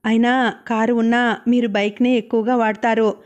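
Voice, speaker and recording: A woman voicing a gentle, dutiful young wife who speaks politely and pleadingly. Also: fairly high pitch, little pitch movement, normal speed, natural voice.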